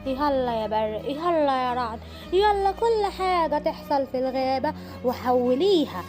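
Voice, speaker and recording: A woman with an Egyptian accent voicing an evil witch who slowly chants spells to summon giants, for a homemade cartoon. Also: sits high, animated, over music. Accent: Egyptian Arabic. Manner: slow drawn-out chanting incantations.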